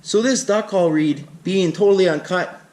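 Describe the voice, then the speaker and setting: A man's voice: high voice, moderate pace, darkish tone. A man giving a casual, plain-spoken, unscripted hands-on tutorial as an instructor. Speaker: instructor in a how-to demonstration.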